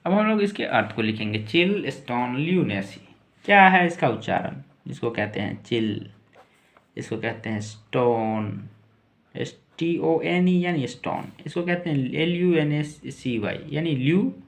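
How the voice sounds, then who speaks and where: Male teacher, slow and deliberate, spells out words letter by letter, repeats each word. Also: on the high side, animated. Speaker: English teacher. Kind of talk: spoken-word lesson.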